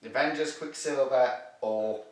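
A man hosting a casual movie review chat, talking excitably and rambling with lots of filler words. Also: mid-range voice, normal speed. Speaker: host. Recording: echoey room, distant from the mic.

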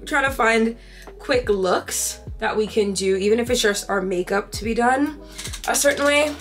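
Speaking to camera indoors in a furnished home room, a twenty-something woman vlogger chats in a slangy way, dropping plenty of asides. Her voice is on the high side and fairly bright, her pace measured, with soft background music.

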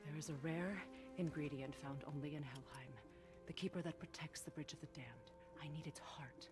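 An actress playing a grave, protective witch goddess and mother in a video game, speaking in a solemn, measured, firm way. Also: sits low, lightly acted. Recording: game audio under music.

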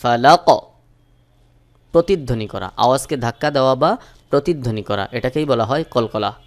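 A man teaching Quran recitation, spelling out each letter slowly and then chanting the verses in long drawn-out tones. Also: medium pitch, animated.

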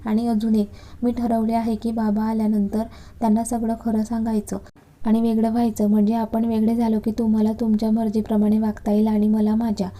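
A woman's voice: on the high side, completely flat delivery, a little fast, mellow, close to an everyday voice. A woman voicing a defiant young wife. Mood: firm. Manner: firm, cutting retorts. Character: defiant young wife standing her ground.

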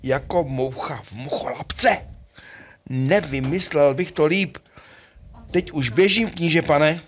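Guy doing a folksy comic puppet servant, highish voice, eager to please, talks in rhyme. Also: a little hiss or hum, natural voice. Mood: eager, clownish. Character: obliging, clownish male servant to a prince. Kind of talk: theatrical puppet play in rhymed verse.

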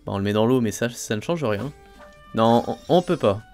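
A man casually talking through his own gameplay, thinking aloud and filling pauses with little fillers. He gets excitable over each new discovery. Faint game music plays softly behind him. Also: medium pitch. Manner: chatty, thinks aloud, frequent "hein" and "euh" fillers. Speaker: let's play host.

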